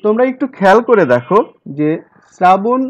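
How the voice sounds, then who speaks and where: A man's voice: high-pitched, expressive, a little fast. A male teacher giving an exam-prep lecture, explaining step by step and repeating key words. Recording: dull lo-fi recording.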